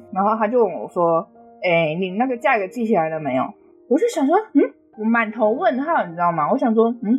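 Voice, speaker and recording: A young woman co-hosting a podcast, telling workplace stories in an exasperated, animated casual chat. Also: medium pitch. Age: young adult. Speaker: podcast co-host.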